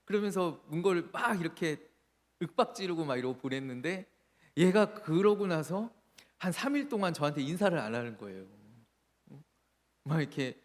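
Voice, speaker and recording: A man preaching a sermon as a pastor, telling stories in an animated way and acting out the voices he quotes. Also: on the high side, moderate pace. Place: church sanctuary. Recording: church hall reverb.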